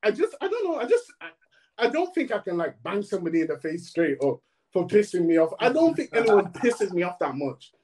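A man's voice: high voice, fairly quick. A young man, chatting casually in slangy, sweary stories. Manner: slangy, animated storytelling with frequent swearing. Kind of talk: casual group chat.

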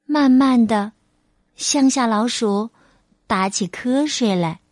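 A woman reading a children's story aloud in a gentle, unhurried way. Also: on the high side, no echo, studio quality.

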